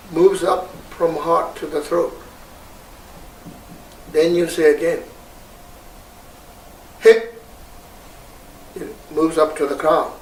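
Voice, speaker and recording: A man teaching and guiding a meditation, speaking slowly and haltingly as he searches for words, and sharply calling out meditation syllables. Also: a little high, a little hiss or hum. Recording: roomy, distant mic, faint ambience.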